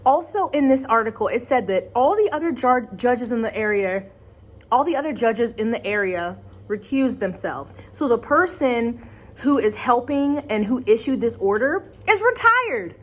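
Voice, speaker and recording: A woman with a fairly high voice gives casual opinion commentary as a video host. She is conversational and emphatic, with an exasperated edge. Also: very animated, normal speed.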